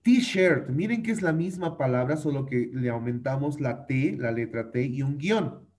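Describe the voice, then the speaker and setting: A man's voice: medium pitch, lively intonation, moderate pace, a little mellow. A male teacher giving an online class for children, patiently repeating vocabulary, drilling pronunciation and using fond diminutives. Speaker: English teacher.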